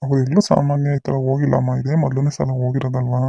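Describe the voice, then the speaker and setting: A man's voice: medium pitch, monotone, fast, creaky, mellow, dry recording, dull audio. A man playing an easygoing village father who sounds weary and grumbles at his wife in a family skit. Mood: grumbling.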